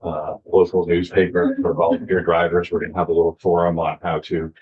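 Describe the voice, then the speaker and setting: A middle-aged man, a town manager, giving steady, matter-of-fact testimony to a legislative committee, with the odd "uh" filler. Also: low voice, a little fast. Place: legislative hearing room. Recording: slightly muffled, dull audio.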